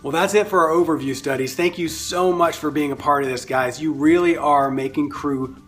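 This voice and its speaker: A man with a slightly higher voice talks through instructions in a casual, friendly way. He hesitates often with fillers as he explains each step. Soft music plays faintly behind him. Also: brisk. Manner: friendly, relaxed, filler-heavy. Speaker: ministry staff instructor.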